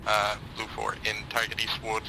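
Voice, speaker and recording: A man speaking in terse, matter-of-fact military radio chatter as a helicopter pilot in a simulation game, with a gravelly voice. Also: lowish voice, monotone, moderate pace. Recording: noisy game radio with vehicle sound.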